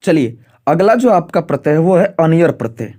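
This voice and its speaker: Higher-voiced man teaching an exam-prep lesson. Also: expressive, mellow. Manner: repeats rhetorical questions and "ठीक है" to check understanding; slows to spell out word forms. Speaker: Sanskrit teacher.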